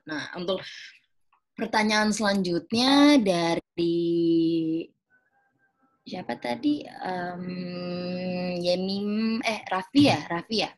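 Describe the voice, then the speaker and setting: A woman's voice: on the low side, extremely slow, long pauses. A young woman giving a casual talk on a video call, chatty and full of fillers. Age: young adult. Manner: chatty, many fillers, acts out example phrases. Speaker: speaker at a student organization webinar.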